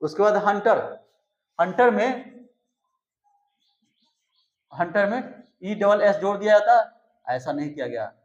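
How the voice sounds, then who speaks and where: A man teaching English grammar in Hindi, spelling out and repeating words slowly to show their pronunciation. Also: high voice, lively intonation. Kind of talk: explanatory lesson. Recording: echoey, slightly dull recording.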